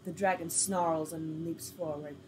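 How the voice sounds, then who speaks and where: A woman's voice: low-pitched, steady tone, a little slow, background noise. A woman reading an interactive story game aloud, with casual, laughing asides.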